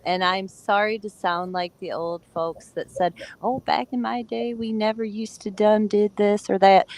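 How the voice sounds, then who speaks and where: A woman's voice: mid-range voice, poor audio. A woman in her fifties co-hosting a casual livestream, teasing her co-host and chatting freely. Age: 50s. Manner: teasing, chatty, laughs readily. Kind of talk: casual live chat.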